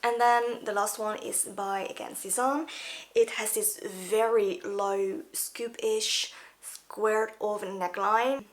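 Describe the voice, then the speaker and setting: A young Dutch fashion vlogger walks through her clothing casually from a small, plain indoor room, using fillers and side remarks. She's losing her voice and has a sore throat, so her mid-range voice comes out slow with fairly even intonation.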